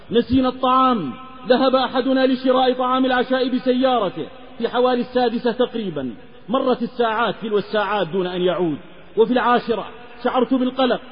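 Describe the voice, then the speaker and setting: A man from the Hijaz preaching a sermon in an impassioned, half-chanted delivery. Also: very high voice. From Hijaz, Saudi Arabia. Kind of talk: Islamic sermon with a moral tale. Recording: lecture recording with long reverb, slightly dull.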